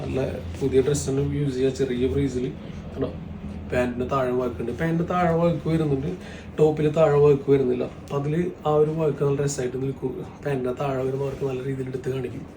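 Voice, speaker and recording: A man's voice: mid-range voice, flat delivery, quick pace. Roomy-sounding Kerala man mixing in English. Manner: mixes many English words into Malayalam; repetitive, salesy patter with frequent tag words. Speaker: shop presenter selling women's outfits. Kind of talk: sales pitch showing products. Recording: roomy, distant mic, faint background noise.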